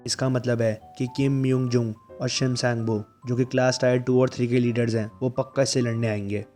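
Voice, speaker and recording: A man's voice: mid-range voice, level tone, fairly quick, mellow, faint music behind, natural voice. A man voicing a hot-headed teenage boy class leader who talks bluntly, in a comic-book recap. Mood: brash. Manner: blunt and brash.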